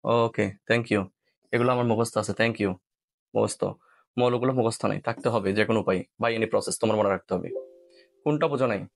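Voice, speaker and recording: A man's voice: lowish voice, little pitch movement, soft background music. A man from Bangladesh teaching a live online science class, repeating points and checking if students follow. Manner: quick, repeats points, asks "clear?"; mixes in English words.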